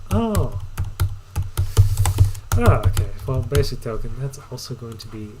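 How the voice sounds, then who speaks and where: A man with a mid-pitched voice talks himself through programming in a casual stream style. He mutters in short fragments and often trails off. The recording is heavily noisy, with typing and clicking behind him. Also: fairly even intonation, a little fast. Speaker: programmer streaming live coding. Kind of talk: casual think-aloud coding commentary. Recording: loud background noise, keyboard clatter. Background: typing and mouse clicks.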